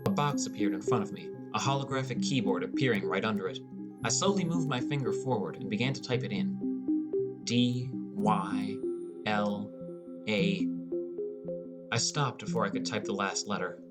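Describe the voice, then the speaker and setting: A man with a lowish voice and a moderate pace reads a scripted fantasy audiobook in the first person. He takes the part of a teenage boy gamer, gloomy and inward-looking, while prominent music sits under the narration.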